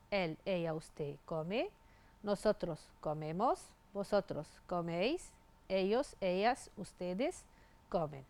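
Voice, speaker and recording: A woman's voice: on the low side, darkish tone. A woman teaching Spanish grammar, reading out verb forms one by one and spelling out the endings. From Tunisia. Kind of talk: grammar lesson.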